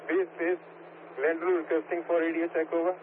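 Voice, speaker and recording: Casting: male field radio caller, rapid monotone procedure talk, crackly military-style radio. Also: on the high side. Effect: crackly two-way radio. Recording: tinny crackly two-way radio, static.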